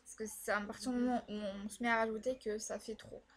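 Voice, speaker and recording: A woman's voice: fairly high pitch, fairly even intonation, fast. A young woman chatting casually as a vlogger reviewing her makeup purchases, filling her talk with hesitations. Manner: chatty, many fillers and "voilà". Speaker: beauty vlogger.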